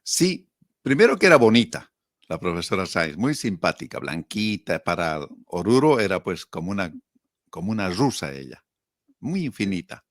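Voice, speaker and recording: A man's voice: low voice, moderate pace, dry recording, clean studio sound. A middle-aged man with a Bolivian accent, reminiscing casually as an interview guest and telling his stories with quotes and rhetorical questions. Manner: animated storyteller, acting out quotes and asking himself rhetorical questions.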